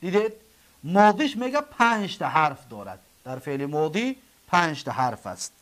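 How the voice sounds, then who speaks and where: Tajik guy teaching grammar, fairly high voice, repeats stuff slow and quizzes himself. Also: very animated, a bit bright. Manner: repeats forms slowly, asks and answers own questions. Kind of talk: classroom lesson.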